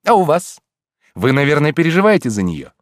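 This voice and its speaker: A man's voice: a little high, big pitch swings, a little fast, no room sound, clean studio sound, voice pushed up. Man putting on a blissful, drawling art teacher. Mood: dreamy. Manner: drawls each word blissfully. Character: dreamy eccentric middle-aged male art teacher.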